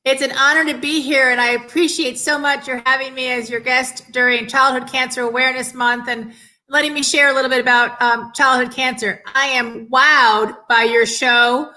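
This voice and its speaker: Bright-voiced woman guest, fairly high. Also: fairly even intonation, normal speed, poor audio. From northeastern United States. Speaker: interview guest, children's cancer charity director. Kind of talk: conversational interview answers. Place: indoors on an online call.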